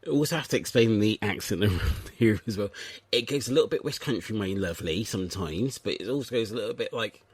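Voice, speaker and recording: A man's voice: lowish voice, fast, husky, no room sound. Playful rambling English man, dry sound. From England. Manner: playful, rambling, self-mocking. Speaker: podcast host. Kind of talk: comedic casual chat.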